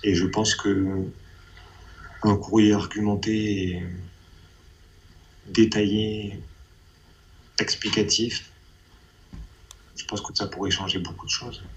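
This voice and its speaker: A man's voice: lowish voice, little pitch movement, slow pace, pauses often, poor audio. A man giving a hesitant personal testimony in an interview, often repeating and restarting his phrases.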